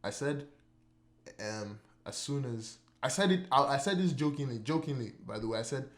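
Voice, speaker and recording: A man's voice: medium pitch, expressive, moderate pace. A man hosting a casual podcast, mid-range voice, meandering and repeating himself as he works out his point. The recording has a noticeably roomy, echoing sound. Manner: rambling, full of "like" and repeated words. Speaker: podcast host. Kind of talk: casual chat. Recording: roomy echo.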